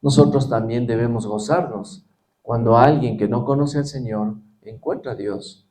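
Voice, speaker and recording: Earnest Spanish-speaking man preaching, mellow voice. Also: mid-range voice, normal speed. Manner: earnest preaching, reading and repeating scripture with emphasis. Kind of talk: sermon.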